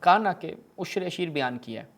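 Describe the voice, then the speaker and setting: Man, somewhat high voice, sarcastic religious lecture, dramatic readings. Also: expressive, creaky, a bit bright. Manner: sarcastic, mocking asides, dramatic reading of Arabic narrations. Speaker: religious speaker. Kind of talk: polemical lecture reading from books.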